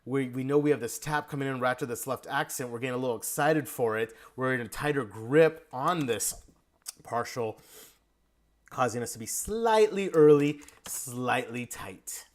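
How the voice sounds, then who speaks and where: A man giving feedback in a drum lesson, energetic and explaining technique while singing the rhythms aloud. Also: medium pitch, moderate pace.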